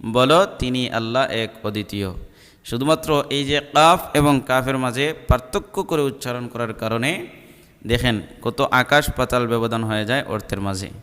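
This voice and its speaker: A man giving a Quran pronunciation lesson, explaining each letter slowly and deliberately between chanted verses. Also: mid-range voice, fairly bright tone, clean tone. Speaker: Quran recitation teacher. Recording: long hall-like reverb.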